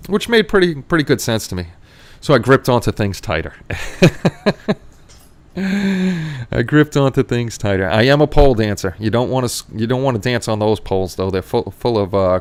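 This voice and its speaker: A middle-aged man hosts a casual livestream in a Queens New York accent. His voice is on the low side and very smooth and resonant. He rambles as he answers the chat, often saying a phrase twice. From Queens, New York City, USA. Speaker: livestream host.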